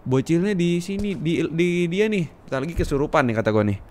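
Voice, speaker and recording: A young man from Indonesia with a Jakarta slang accent, commenting loudly on a horror game he plays live, often shouting and swearing. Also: fairly high pitch, animated, brisk. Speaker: game streamer.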